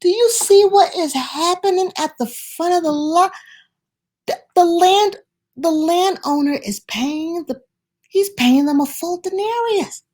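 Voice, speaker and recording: Grumbling male laborers, put on by a woman, their voices pushed up high into shrill, stammering exclamations of outrage. Underneath the strain there is a gravelly, darkish grain to the voice. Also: very animated, drawn-out words, pauses often, dark tone, heavily acted. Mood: astonished. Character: indignant male day laborers, grumbling, shocked.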